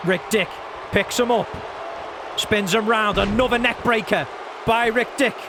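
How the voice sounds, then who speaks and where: A man doing play-by-play as an excitable wrestling commentator on a video game match, prone to shouting at big moves. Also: sits high, unhurried, background noise.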